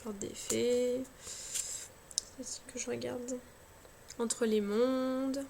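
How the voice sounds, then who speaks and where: Woman, high voice, casual home vlog, hesitant, fillers, self-mocking, tired, faint background scratching. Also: fairly even intonation, drawn-out words, vocal fry, dark tone, slight background noise. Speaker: cartomancy vlogger. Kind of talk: casual chat showing card decks.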